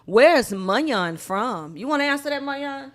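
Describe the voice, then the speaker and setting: A woman's voice: sits high, animated, moderate pace. A woman co-hosting a podcast, talking in a blunt, outspoken, casual way with her co-host. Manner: outspoken, blunt, talks back and forth with co-host.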